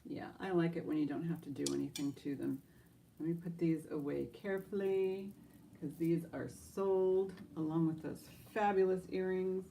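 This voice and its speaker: Gravelly, low-voiced woman auctioneer. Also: steady tone, moderate pace, dark tone, slight background noise. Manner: chatty, enthusiastic, talks to herself while handling items. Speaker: live auction host.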